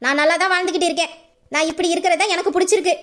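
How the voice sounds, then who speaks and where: A woman's voice: very high-pitched, fairly even intonation, racing. A woman voicing a headstrong young working woman who defiantly argues with her mother in an audio drama. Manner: forceful, defiant speeches.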